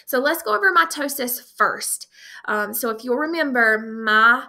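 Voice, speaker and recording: A bright, fairly high-voiced woman walks her students through a science review. She explains in an upbeat, direct way, often talking straight to the listener with casual fillers. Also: expressive, moderate pace, creaky. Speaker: science teacher. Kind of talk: recorded review lesson.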